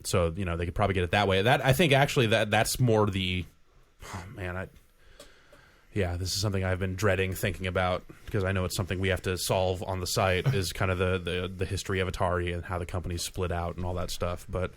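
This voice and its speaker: A man's voice: sits low, level tone, quick pace. A man co-hosting a video game podcast in casual, rambling chat, often restarting his sentences. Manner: rambling, self-interrupting, laughs often. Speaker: podcast co-host.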